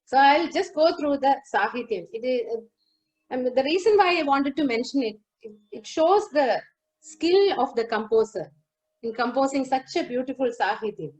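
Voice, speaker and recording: A woman giving a lecture demonstration over a video call, explaining song lyrics line by line and singing a few verses slowly. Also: high-pitched, darkish tone, low-quality recording. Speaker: lecturer on Carnatic music. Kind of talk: lecture demonstration with sung lines.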